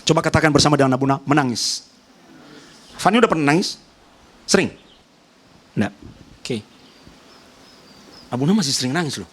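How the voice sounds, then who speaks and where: High-voiced preacher man, emphatic. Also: animated, normal speed, long pauses, breathy edge. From Nias, Indonesia. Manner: emphatic preaching that swings between loud high calls and soft low asides; repeats short phrases and speaks straight to the congregation. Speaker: pastor. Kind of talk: sermon.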